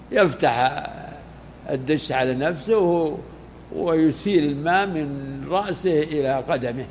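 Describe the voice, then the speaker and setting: An older man, a sheikh, explaining a classical text to students in unhurried, halting commentary. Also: fairly high pitch, a little mellow. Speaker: sheikh teaching a hadith text. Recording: hall reverb, faint background noise.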